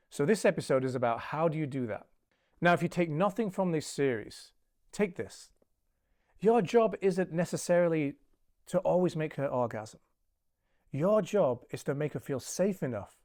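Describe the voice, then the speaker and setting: Calm man giving relationship advice. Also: fairly high pitch. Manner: calm, measured, instructive delivery. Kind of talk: scripted advice monologue.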